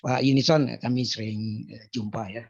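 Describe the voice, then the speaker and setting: A hoarse man explaining technology in a discussion and asking a question, with frequent hesitations. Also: mid-range voice, fairly even intonation, normal speed, lo-fi sound, a crowd in the background. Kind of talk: casual discussion talk.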